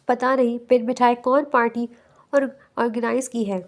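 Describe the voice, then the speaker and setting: Hurried, curious young man friend, voiced by a woman in a romance audiobook. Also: fairly high pitch, flat delivery, natural voice.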